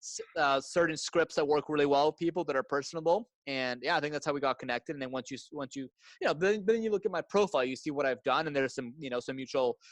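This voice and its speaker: A young Canadian man, an entrepreneur guest in a casual interview, talking fast and enthusiastically and often repeating words. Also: fairly high pitch, no echo, rough recording.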